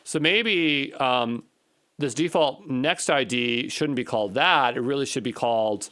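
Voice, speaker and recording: A programming instructor with a medium-pitched, sharp-toned voice talks a little slowly through an unscripted coding walkthrough. He thinks aloud tentatively, musing and second-guessing himself.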